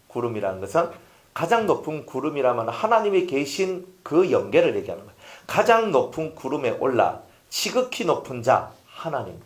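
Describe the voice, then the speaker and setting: Animated preaching pastor, lively pitch. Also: male voice. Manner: animated, acts out quoted voices, rhetorical questions to the congregation. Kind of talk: sermon.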